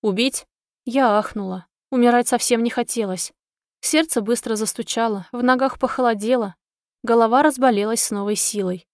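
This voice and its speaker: A woman narrating a first-person fairy-tale story in a lively, expressive way. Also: fairly high pitch, normal speed, dry recording, studio quality. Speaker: audiobook narrator.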